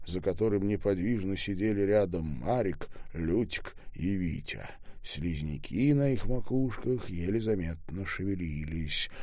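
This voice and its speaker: A man narrates an audiobook with a fairly low voice and a steady, even delivery. The recording is dry and close, with no room sound. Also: no room sound. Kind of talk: scripted narration.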